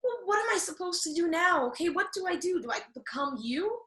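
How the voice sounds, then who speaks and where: Woman acting feisty little fairy-tale girl, very high pitch, anxious, defensive, sarcastic, radio comedy, echoey room. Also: sing-song, fairly quick, a bit bright, heavily acted. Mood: anxious, pleading. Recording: roomy, echoing sound.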